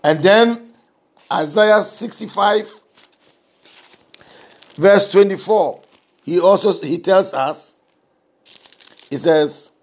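Slow, emphatic male preacher. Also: sits high. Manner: swings from raised to soft, intimate delivery. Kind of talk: sermon.

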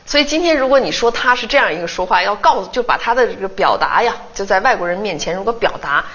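Brisk, animated woman on a talk panel. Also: medium pitch, muffled recording. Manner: animated storytelling, quotes others. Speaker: guest commentator. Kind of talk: studio talk show discussion.

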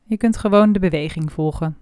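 Woman, meditation guide, slow soft delivery, smooth voice, dry close sound. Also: lowish voice, no room sound. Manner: slow, soft and calm with long pauses. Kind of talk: guided body scan meditation.

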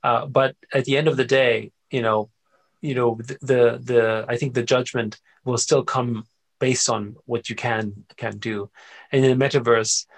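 A middle-aged man from Austria talks as a guest in a relaxed interview. His voice is low-middle, gravelly and a bit husky. He tells stories with plenty of energy and keeps checking in with his listener. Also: measured pace. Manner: animated storyteller, frequent "right?" and "you know" tags. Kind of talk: casual conversational interview.

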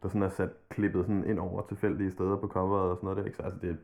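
A man's voice: sits low, little pitch movement, darkish tone. A man chatting casually on a podcast, rambling loosely and swearing freely. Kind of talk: casual chat about hip-hop. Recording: tinny phone-like line.

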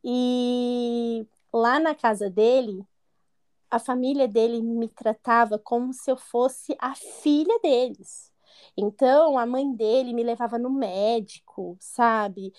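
This twenty-something woman, appearing as an interview guest, tells a personal story frankly and often performs the quoted voices of others. She talks slowly in a high-ish, clear, resonant voice with a darkish tone.

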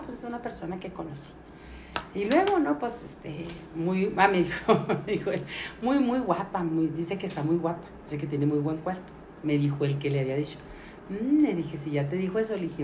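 A woman's voice: lowish voice, fairly quick. A middle-aged woman with a Mexican accent, a podcast guest casually telling a story and acting out the voices of the people in it. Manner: lively, acts out the voices of people in her story. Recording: roomy recording with faint noise.

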